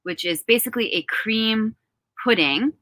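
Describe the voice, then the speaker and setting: Bubbly, bright-voiced woman telling stories. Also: on the high side, a little slow, no echo, poor audio. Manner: bubbly, laughing, storytelling. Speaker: author co-hosting a book event. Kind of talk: casual chat. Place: outdoor tent, on a laptop stream. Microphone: laptop mic.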